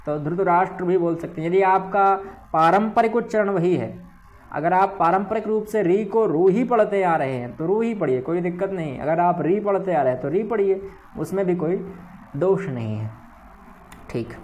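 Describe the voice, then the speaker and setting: A man teaching Sanskrit recitation, saying verse words slowly and correcting how each sound is pronounced, often checking in with "ठीक है". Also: sits high, a little mellow. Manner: slow, careful pronunciation drills. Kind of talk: recitation lesson.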